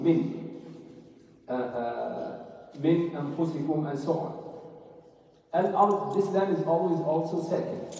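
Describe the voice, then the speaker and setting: Imam in an echoey hall. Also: male voice, fairly high pitch, warm tone. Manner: explanatory, checks in with the class. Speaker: imam teaching a Quran recitation class. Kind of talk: classroom lesson. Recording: echoey hall from far off, faint noise.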